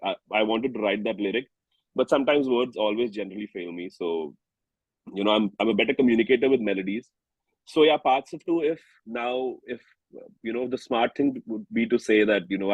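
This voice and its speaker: Here a singer-songwriter from New Delhi, India, talks reflectively in an interview, his Indian-accented speech halting and full of rephrasing. The voice is lowish and husky, and the muffled recording carries no echo.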